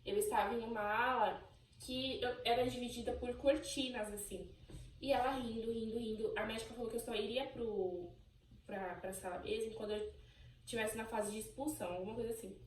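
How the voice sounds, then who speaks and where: A woman's voice: fairly high pitch, fairly quick, echoey room, far from the mic, slight background noise, poor audio. Emotional young Brazilian woman telling a story. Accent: Brazilian Portuguese. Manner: emotional, animated storytelling, voicing remembered exchanges. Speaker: channel host. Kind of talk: personal birth story vlog.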